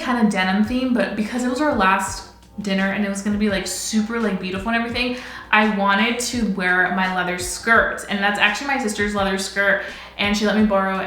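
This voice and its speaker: A woman's voice: medium pitch, fairly bright tone. Chatty twenties woman in an echoey room. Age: 20s. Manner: chatty, fills with "like" constantly. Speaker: beauty vlogger. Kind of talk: casual chat while doing makeup.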